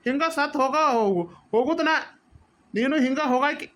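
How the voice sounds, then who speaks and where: A woman's voice: high voice, animated, brisk, voice pushed down. A woman with a North Karnataka accent voicing a scornful, mocking drunken husband in a cartoon. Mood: taunting. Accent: North Karnataka Kannada. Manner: taunting, sneering.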